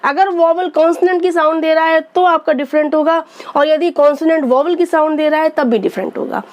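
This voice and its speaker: A woman's voice: high voice, brisk, muffled recording. A woman teaching English grammar in a patient lesson, asking and answering her own questions and repeating points. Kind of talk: explanatory lesson.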